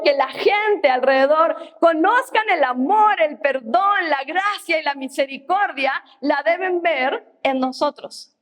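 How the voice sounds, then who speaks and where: A woman pastor, preaching a sermon in church and repeating key phrases for emphasis. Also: high voice.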